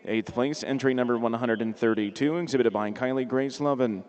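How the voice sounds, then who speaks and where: A man's voice: mid-range voice, dull audio. Man announcing over an arena PA. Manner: steady, measured reading of lists. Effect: over a PA system. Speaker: show announcer. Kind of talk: formal results and barn announcements. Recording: long reverb in a large arena.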